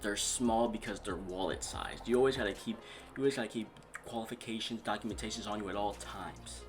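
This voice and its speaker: A man's voice: fairly low pitch, brisk, music in the background, close to an everyday voice. A man playing a boastful self-proclaimed relationship doctor in a comedy sketch, rambling and repeating himself. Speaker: comedic YouTube host in character.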